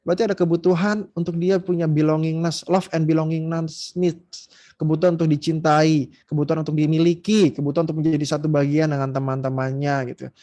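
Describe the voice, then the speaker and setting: A man who is a psychologist, giving an online seminar lecture, animated and acting out scolding parents' voices, with many fillers. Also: on the high side, quick pace. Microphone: video call.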